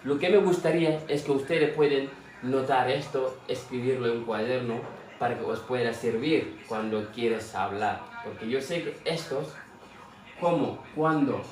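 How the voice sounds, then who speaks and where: A man whose first language is Fula, teaching a language lesson slowly and checking in with "¿vale?" after nearly every point. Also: medium pitch, a little mellow. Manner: slow, repeats words and asks "¿vale?" often. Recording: very echoey room, mic at a distance, music behind. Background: background music.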